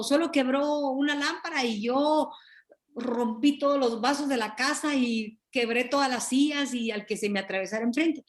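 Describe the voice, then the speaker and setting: A woman teaching a Bible study over a video call, earnest and animated, often correcting herself mid-sentence. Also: high-pitched. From Guatemala.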